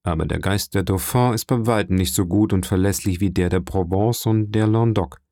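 A man's voice: low voice, fairly quick, mellow, no echo, clean studio sound. A man voicing a deferential young official in an audiobook reading, formal and respectful.

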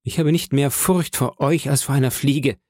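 A man's voice: mid-range voice, steady tone, moderate pace, darkish tone, no echo, studio quality, pitched above the performer's own voice, close to an everyday voice. A man reading an audiobook, voicing a bold, defiant boy cabin hand who speaks steadily.

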